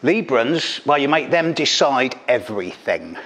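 With big pitch swings and a fairly bright tone, a middle-aged Englishman speaks at medium pitch and a measured pace. He's a stand-up astrologer on an event hall stage, using a handheld mic for a caustic, teasing, punchy set.

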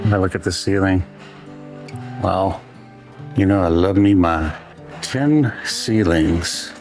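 Slow-talking man vlogging a walking tour. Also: deep voice. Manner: relaxed, unhurried commentary while walking around. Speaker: travel vlogger. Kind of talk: casual travel vlog narration. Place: walking around a train station and hotel, indoors and outdoors.

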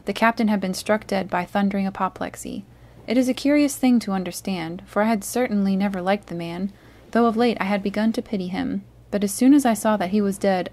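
A woman reads a classic adventure novel aloud at an unhurried, calm pace. Her delivery is soothing and even, meant to relax the listener. She sits in a medium-pitched middle register. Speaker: storyteller.

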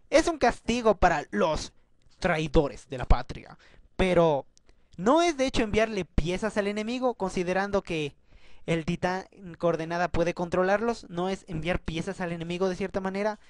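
A casual video commentator with a mid-pitched voice who rambles and thinks aloud. They fire off one rhetorical question after another. The recording is dry and close, with no room sound. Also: normal speed, dry recording. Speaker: anime commentary youtuber.

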